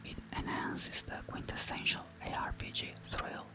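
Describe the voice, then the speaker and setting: Slow intimate whisper asmr narrator, can't tell man or woman, breathy n close up, explaining stuff carefully, music behind. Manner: measured, deliberate, explanatory. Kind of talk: whispered ASMR, scripted game-guide narration. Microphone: close microphone, ear to ear.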